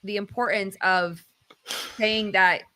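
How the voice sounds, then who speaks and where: A woman with a bright, forward voice at an average pitch chats casually on a live stream. She speaks as a co-host. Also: fairly even intonation, takes it slowly, poor audio. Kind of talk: casual chat.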